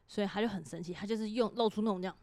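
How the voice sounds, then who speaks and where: A woman, chatting as a podcast co-host. She tells family stories at a relaxed pace in a middle-pitched voice. The close mic sounds very dry, with no room in it. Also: very fast, no room sound. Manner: storytelling, acts out her child's and her own lines. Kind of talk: casual chat.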